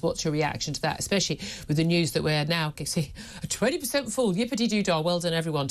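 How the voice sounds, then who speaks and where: A woman hosting a talk radio debate, forceful and emphatic, jumping up in pitch to rebut points.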